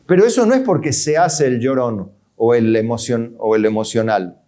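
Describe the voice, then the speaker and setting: A man's voice: medium pitch, expressive, moderate pace, warm tone. A man pastor with an Argentine accent, preaching a sermon in a conversational way, full of rhetorical questions and light chuckles. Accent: Argentine Spanish.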